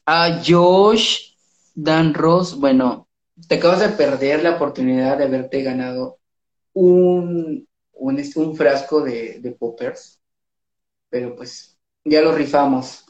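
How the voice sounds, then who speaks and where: A podcast co-host with a Mexican accent, reading an erotic story aloud in a drawn-out casual way, laughing and hesitating. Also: medium pitch, darkish tone. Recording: dull, roomy lo-fi recording.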